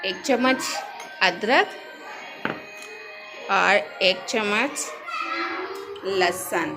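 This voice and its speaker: A woman's voice: medium pitch, very slow, music in the background. A young woman and mother chatting casually in a home kitchen vlog, laughing often and mixing English into her Hindi. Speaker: vlogger and mother. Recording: noisy home recording.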